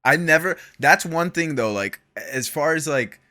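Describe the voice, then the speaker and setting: Bright-voiced young man, laid-back and slangy. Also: on the high side, lively intonation, normal speed. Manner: laid-back, slangy, laughs often, trails off. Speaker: podcast co-host. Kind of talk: casual chat.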